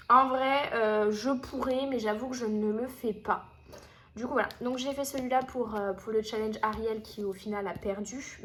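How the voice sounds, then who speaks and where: A woman's voice: on the high side, a little hiss or hum. A woman chatting casually to camera about her finished coloring pages, with many fillers and restarts. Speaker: coloring hobby vlogger.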